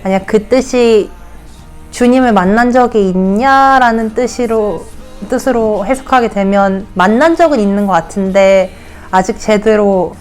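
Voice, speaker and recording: A nineteen-year-old woman answers interview questions. She talks candidly. Her thoughts tumble out in quick bursts. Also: mid-range voice, soft background music. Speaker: student interviewee.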